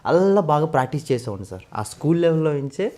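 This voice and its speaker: A man from West Godavari in India, a mimicry artist, telling his story in a casual interview and often addressing the interviewer as sir. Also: fairly high pitch. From West Godavari, Andhra Pradesh. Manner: fast, animated storytelling with frequent sir.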